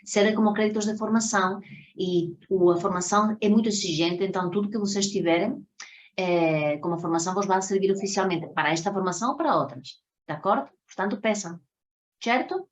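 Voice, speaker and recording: This Spanish-accented woman from Spain, a psychotherapy teacher, speaks at medium pitch and a little fast. In an introductory online workshop, she explains things didactically and often checks in with the people listening.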